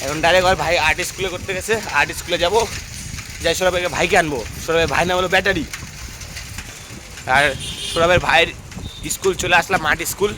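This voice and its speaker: A young man chatting to viewers while filming a casual phone vlog at home and on local roads, slightly hoarse. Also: sits high, fairly even intonation, fast talker, long pauses, background noise. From India. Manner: chatty, addresses viewers as "guys". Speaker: vlogger.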